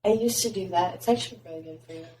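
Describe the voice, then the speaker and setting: Young woman, Southern US accent, mellow voice, relaxed podcast guest. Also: fairly low pitch, very fast. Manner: relaxed, filler-heavy talk. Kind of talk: casual chat. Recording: distant from mic, faint noise.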